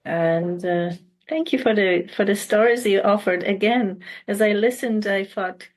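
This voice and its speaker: A woman from the audience speaking gently and haltingly to the teacher. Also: mid-range voice. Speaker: audience member.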